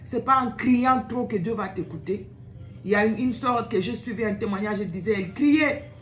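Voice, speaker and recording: A woman's voice: on the high side, a little fast, roomy sound. A woman host giving an informal sermon to camera, exhorting her listeners, repeating words for emphasis and slipping into English phrases.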